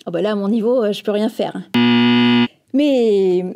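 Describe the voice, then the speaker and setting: A woman with a medium-pitched, natural voice speaks unhurriedly in a phone-greeting manner, playing a bumbling, slightly flippant call-centre customer service agent in a comic training sketch. She sounds flustered and hesitant. The scene is an indoor small office set, with a noisy background and background music.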